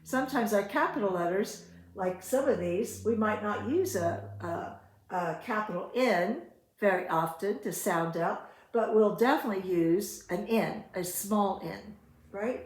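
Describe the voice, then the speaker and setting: A woman's voice: mid-range voice, unhurried, a little mellow. A woman giving an informal, step-by-step lesson, chatty and often checking in with little tag questions. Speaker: teacher leading a phonetics lesson. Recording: echoey room.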